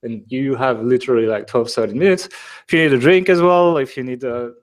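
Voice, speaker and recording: A man's voice: mid-range voice, a little fast. A man with a French accent hosting a live webinar, chatting casually and joking, with lots of filler words. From France. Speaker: webinar host.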